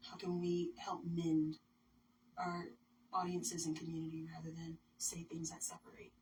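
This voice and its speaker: An earnest woman musician reflecting in a radio interview, her phrases often fading to a near whisper. Her voice sits slightly low. The mic is distant and background noise is clear. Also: completely flat delivery, normal speed, darkish tone. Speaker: musician guest. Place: radio studio.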